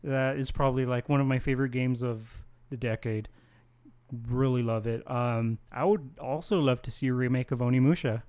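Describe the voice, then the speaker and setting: A man's voice: medium pitch, fairly even intonation, moderate pace, darkish tone, smooth. A man co-hosting a casual gaming podcast, laid-back and swearing casually as he chats with friends. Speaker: podcast co-host. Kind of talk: casual chat.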